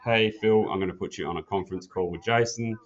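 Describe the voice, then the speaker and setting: Loud music sits behind a low-pitched man speaking at a quick pace. He's casually showing how an office phone system works, practical and plain-spoken, taking a learner through every step, all in a dull, muffled lo-fi recording.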